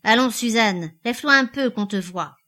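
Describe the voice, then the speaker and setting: A woman reading aloud, voicing a brash, drunken young male hay-trusser in a loud, mocking, swaggering way. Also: fairly high pitch, lively intonation, normal speed.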